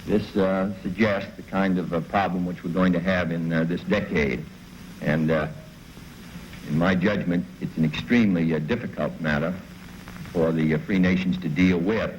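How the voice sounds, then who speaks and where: A low-voiced man speaks haltingly, pausing often mid-sentence as he lays out his view. The archive audio is muffled with a faint hiss. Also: steady tone. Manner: halting, many hesitations. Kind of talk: archival speech. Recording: dull archive recording with hiss.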